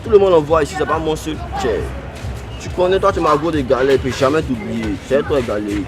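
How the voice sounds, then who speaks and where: A man's voice: a little high, a little fast, music in the background, lightly acted. A man playing a reproachful young boyfriend. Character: young man dumping his girlfriend.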